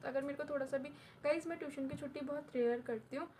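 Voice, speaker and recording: Young female vlogger, high voice, chatty and repetitive, unwell and in pain, faint background hiss. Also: fast, dark tone. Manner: chatty, repeats herself, addresses viewers as guys. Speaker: vlogger and tuition teacher. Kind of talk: casual vlog talk to camera. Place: at home while her mother does her hair.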